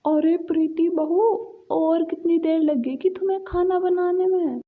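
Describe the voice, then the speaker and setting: A strict, middle-aged mother-in-law from a cartoon story, as a woman puts her on, bossy and always scolding. Her voice is high. The sound is thin and phone-like. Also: fairly even intonation, a little slow.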